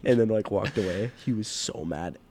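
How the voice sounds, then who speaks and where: A young man guesting on a podcast, telling stories in an animated way, acting out other people's voices and laughing often. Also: on the low side, moderate pace. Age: young adult. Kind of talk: casual storytelling chat. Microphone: podcast mic.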